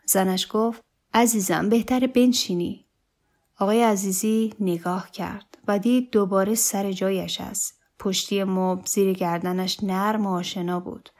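Calm woman narrating a literary story. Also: medium pitch. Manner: calm, measured, deliberate reading.

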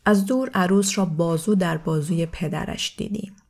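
Woman, audiobook narrator, first-person story, calm even reading, lowish voice, dry asides.

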